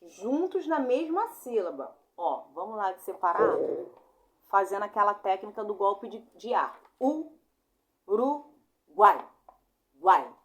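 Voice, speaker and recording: Young brazilian woman, chatty grammar teacher, says sorry a lot, sounds words out slow. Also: mid-range voice, expressive, fairly bright tone. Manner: chatty, informal, apologizes often, spells sounds out slowly. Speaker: Portuguese teacher. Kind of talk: casual online grammar lesson.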